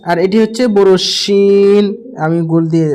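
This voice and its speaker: A man's voice: high-pitched, steady tone, moderate pace, dark tone, a little hiss or hum. A man teaching how to pronounce each Arabic letter, repeating each sound several times. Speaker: Quran recitation teacher. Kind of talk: slow instructional lesson.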